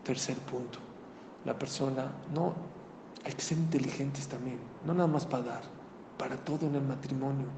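A man's voice: mid-range voice, moderate pace. A man preaching a sermon, telling a story and asking the audience questions. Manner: animated, conversational, asks the audience. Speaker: rabbi preacher. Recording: echoey hall, faint noise.

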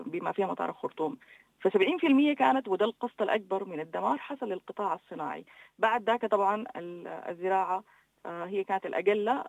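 Very fast, creaky Sudanese woman. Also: medium pitch, no room sound, poor audio. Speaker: interview guest, development organization director. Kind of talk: informal expert explanation in an interview.

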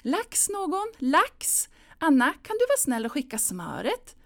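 A woman voicing an anxious, fussy older mother, plaintive and close to tears, with a raised, lively voice. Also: high voice, pitched above the performer's own voice, exaggerated voice. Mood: fussing.

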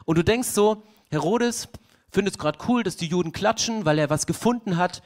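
A young pastor preaches a sermon at a moderate pace in a high voice. He tells the story vividly, acting out the voices and putting rhetorical questions to the congregation.

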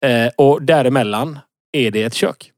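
A man's voice: medium pitch, no room sound, clean studio sound. A man in his thirties co-hosting a casual podcast, rambling through a story with lots of fillers and laughing at himself. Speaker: podcast co-host. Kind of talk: casual chat, telling an anecdote.

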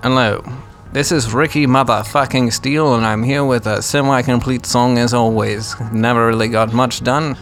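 A brash, swearing bard, as a man plays him with a gravelly, rough edge and an ordinary pitch. He talks in a loose, rambling way and plays himself down. Soft music plays behind the tabletop game. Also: fairly even intonation, moderate pace, few pauses, natural voice. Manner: rambling, self-deprecating, casual. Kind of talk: tabletop role-play in character.

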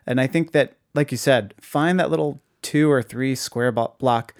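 On a talk podcast, a male co-host chats casually and hands listeners informal, emphatic advice. His mid-range voice moves at a moderate pace, captured in studio quality with no echo.

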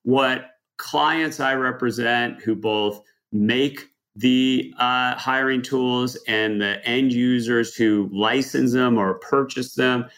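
A man hosts a podcast and asks his guest questions in a relaxed, joking tone. He repeats phrases and tosses in light humor. His voice is mid-pitched and plain. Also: slow, hardly any pauses. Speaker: podcast host, lawyer. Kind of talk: conversational podcast interview.

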